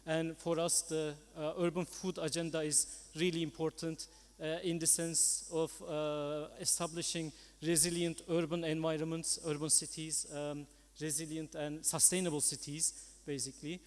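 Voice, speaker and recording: Chairing a conference session in a large hall, a man offers polite, hesitant, semi-formal remarks without a script. His voice is on the high side with little pitch movement, moderate pace, and hardly any pauses, and the hall's long reverb makes it echoey.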